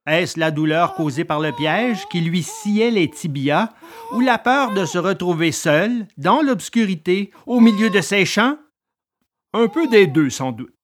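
A woman reading a children's story aloud in an expressive, dramatic manner. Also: on the low side, measured pace, a little hiss or hum.

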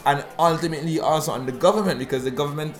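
Racing along in a slightly high voice, this Eastern Caribbean podcast co-host offers conversational analysis of finance news on a talk show, often restarting his sentences.

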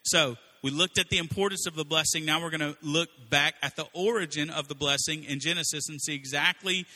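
A man's voice: fairly high pitch, steady tone, brisk, sharp tone. A man preaching a sermon, telling a story in a conversational way with frequent asides to the congregation. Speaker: pastor.

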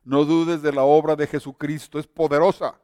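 A man's voice: a little high, flat delivery, normal speed, warm tone, smooth, no room sound, clean studio sound, long reverb tail. A man preaching a sermon and telling his own testimony, earnest and exhorting.

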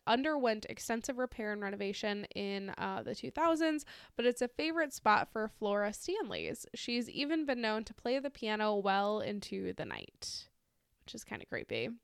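A woman with a fairly high, clean voice hosts a casual chat while reading ghost stories. She is informal and giggly, and the sound is close and dry. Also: animated, moderate pace, gravelly, clean tone, no room sound. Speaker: podcast host.

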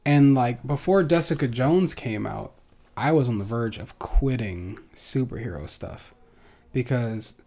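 A man co-hosting a casual podcast, his voice at an ordinary middle pitch. He talks with opinionated enthusiasm and keeps the chat loose. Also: animated, measured pace, dark tone. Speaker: podcast host.

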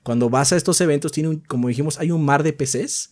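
Animated Mexican man chatting on a podcast. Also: on the high side, fast. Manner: animated, swears freely, acts out quotes. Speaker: podcast co-host. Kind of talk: casual panel chat.

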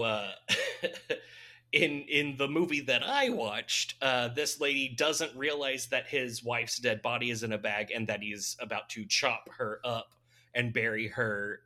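A man's voice: medium pitch, measured pace, pushed and bright. A man casually recapping a movie plot in a rambling, amused way, laughing often. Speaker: podcast co-host recapping a movie. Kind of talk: casual chat.

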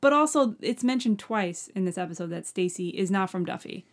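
A woman in relaxed podcast conversation. She chimes in, agrees easily and asks quick questions about an episode. Her voice sits at an ordinary middle pitch. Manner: chatty, agreeable, quick back-and-forth. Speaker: podcast co-host. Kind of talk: casual recap chat.

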